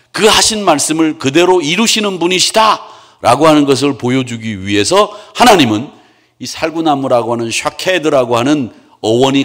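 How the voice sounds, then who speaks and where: A man's voice: mid-range voice, a bit bright. A middle-aged man preaching a Wednesday church sermon in a conversational way, asking his congregation questions and having them repeat words after him. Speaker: pastor. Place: church sanctuary.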